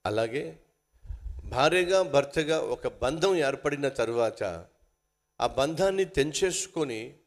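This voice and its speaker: A man's voice: fairly high pitch, lively intonation, takes it slowly, long pauses. A man from India preaching a sermon. He addresses his listeners as sisters and brothers and acts out angry quarrels in raised voices. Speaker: pastor.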